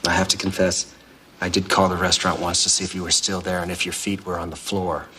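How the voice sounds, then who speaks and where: A man's voice: sits low, flat delivery, fast, close to an everyday voice. An actor playing a playful man with dry, teasing humor, in sitcom acting. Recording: noisy background.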